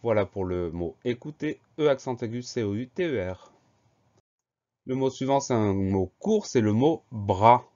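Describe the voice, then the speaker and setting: A man teaching a French spelling dictation lesson, explaining each word slowly and spelling it out letter by letter in a patient, steady way. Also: medium pitch, dull audio. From France.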